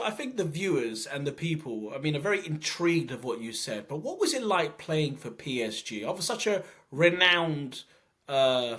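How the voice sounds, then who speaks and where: A male journalist hosting an interview, asking long, halting questions. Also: on the high side, fairly bright tone.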